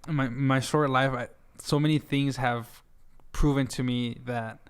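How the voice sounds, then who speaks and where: A man's voice: medium pitch, steady tone, a little slow, smooth. A man of about twenty, from Juarez, Mexico, a guest musician chatting loosely in an interview, with many fillers and restarts. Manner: rambling, laughs easily, many fillers and restarts. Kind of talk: casual interview chat.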